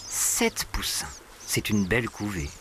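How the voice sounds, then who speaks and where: A man's voice: lowish voice, sing-song, unhurried, very noisy. A man reading scripted narration for a nature documentary. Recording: animal and bird sounds behind. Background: birdsong and natural ambience.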